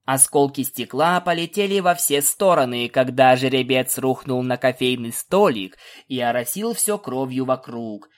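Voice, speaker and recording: A narrator reading fan fiction aloud in an expressive, animated way. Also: mid-range voice, moderate pace, hardly any pauses.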